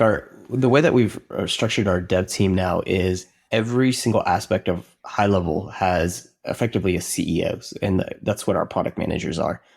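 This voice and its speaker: A man with a fairly low voice talks as an interview guest about building his company. He is earnest and reflective, often circling back with "you know" and restarting his phrases mid-thought. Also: vocal fry, darkish tone, husky. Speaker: software company co-founder, guest. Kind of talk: casual conversational interview.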